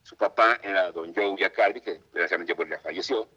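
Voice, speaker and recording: A middle-aged man with a Mexican accent, a voice actor telling lively stories as a radio interview guest and acting out what others said. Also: low voice, fairly quick, breathy edge, lo-fi sound. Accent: Mexican Spanish. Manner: animated, acts out quoted voices.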